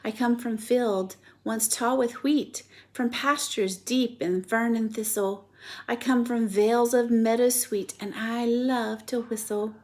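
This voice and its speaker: A woman voicing a small hen bird in a storybook, speaking softly, gently and courteously. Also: on the high side, animated, moderate pace. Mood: gentle.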